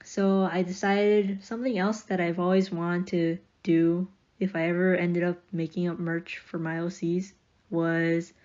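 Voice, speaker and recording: A woman's voice: fairly low pitch, warm tone, highs cut off. A young woman casually narrating a speedpaint voiceover, chatty and rambling, with fillers and light laughs. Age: young adult.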